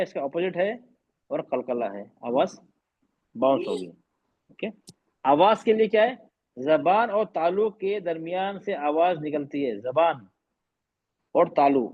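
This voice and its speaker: A man's voice: on the high side, husky. Patient male teacher on a muffled video call. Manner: patient, repeats points, mixes English phrases. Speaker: tajweed teacher. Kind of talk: online class explanation.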